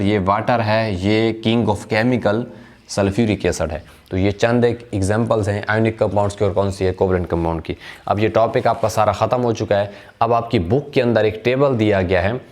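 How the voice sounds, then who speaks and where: Male chemistry teacher, mid-pitched, lecturing in a question-and-answer rhythm. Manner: asks rhetorical questions and answers them himself; addresses the listener as brother. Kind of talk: classroom lecture.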